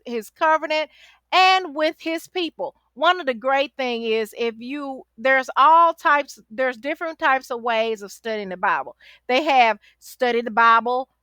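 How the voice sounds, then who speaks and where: Here a high-voiced, forceful woman teaches an informal Bible study straight to camera with the feel of a chatty life coach, unhurried in her pace. Repeated phrases drive home her exhortations, and she's sassy and familiar, tossing in "honey" and "baby." The audio is close, dry, and free of echo.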